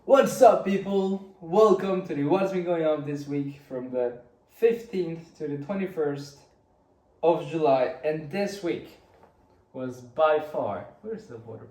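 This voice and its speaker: A young Costa Rican vlogger gives a casual weekly recap, rambling chattily about his week with many restarts. His voice is fairly high and warm, and he speaks slowly. The sound is roomy and distant.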